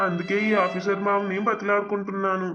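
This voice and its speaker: A man's voice: high voice, completely flat delivery, quick pace, highs cut off, music in the background, natural voice. A man voicing a dignified village father past sixty, pleading formally for his honour. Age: older. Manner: pleading, formal, addresses officer respectfully.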